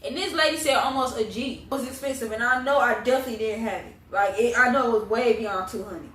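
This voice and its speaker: A woman's voice: fairly high pitch, quick pace, fairly bright tone. Young woman storytelling, echoey distant mic. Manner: blunt, slangy, swearing freely. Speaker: vlogger telling a story. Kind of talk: casual animated storytime chat. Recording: roomy echo, distant mic, faint noise.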